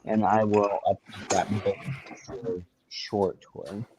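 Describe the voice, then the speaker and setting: A man's voice: on the low side, level tone, slow pace. A man co-hosting a live weather stream, his voice cutting out over a bad online connection as he asks short practical questions. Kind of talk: casual live commentary. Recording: muffled lo-fi call audio with faint noise.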